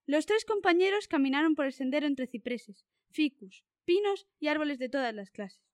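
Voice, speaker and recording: Woman narrator, storybook reading, expressive, high voice, dry close sound. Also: moderate pace, dry recording. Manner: expressive reading, voicing each animal.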